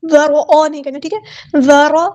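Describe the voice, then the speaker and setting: A woman teaching tajweed, explaining letters slowly and repeating single sounds and words as models. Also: high-pitched, level tone, a little mellow, highs cut off. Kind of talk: tajweed lesson, explaining word by word.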